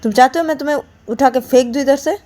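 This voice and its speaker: A woman's voice: medium pitch, level tone, moderate pace, warm tone, smooth, natural voice. A woman voicing Payal, a sulky, hot-tempered young woman, in a storybook romance. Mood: angry.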